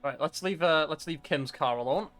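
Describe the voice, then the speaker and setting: Excitable male let's-player, high and bright, chatty. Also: soft background music. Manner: chatty, excitable, quick asides. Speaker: gaming streamer. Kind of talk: let's-play commentary.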